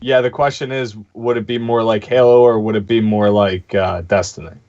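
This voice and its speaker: A man's voice: fairly low pitch, steady tone, normal speed, darkish tone. A man co-hosting a casual podcast, blunt and laid-back. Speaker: podcast host. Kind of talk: casual chat. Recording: dull, lo-fi sound.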